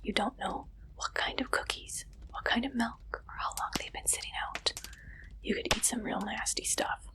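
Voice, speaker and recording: Her voice sitting on the high side, a woman whispers breathily and softly while acting as an interviewer in ASMR roleplay. The pacing is slow and deliberate, the manner deadpan.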